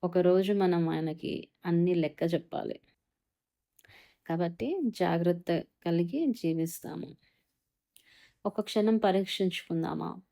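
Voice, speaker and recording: An earnest woman gives a devotional Bible talk in a mellow, fairly low voice. She speaks straight to the listener and slows down to read scripture verses with care. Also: steady tone, gravelly. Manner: earnest, addresses the listener directly, reads verses slowly.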